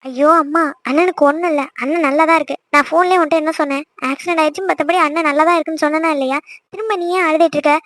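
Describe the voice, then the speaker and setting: A woman voicing a bossy younger sister who firmly scolds her crying mother, in an amateur animated serial. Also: sits high, racing, dry recording. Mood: scolding. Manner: scolding, firm.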